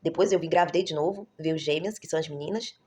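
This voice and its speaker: Speaking at a quick pace in a deep, slightly mellow voice, a woman in her 30s tells a casual vlog story. A mother and vlogger, she rambles to her viewers and corrects herself often.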